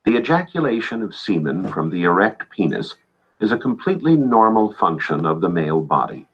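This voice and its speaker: Deep, unhurried male narrator for a classroom health film; husky tone, lively rise and fall, muffled vintage soundtrack. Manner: calm, matter-of-fact explaining. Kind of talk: scripted educational narration.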